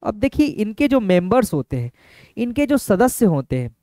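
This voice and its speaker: A male teacher running an exam-prep video lesson with a smooth, clear voice. He keeps circling back to each point and fires rhetorical questions at his viewers. The sound is dry and close. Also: high-pitched, very animated, normal speed, mellow, no room sound. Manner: repeats points and asks the class rhetorical questions; calls viewers friends.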